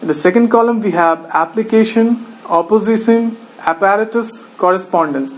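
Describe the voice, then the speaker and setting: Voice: medium pitch, moderate pace, rough recording. A teacher giving a recorded lecture, methodically reading out lists of example words one at a time.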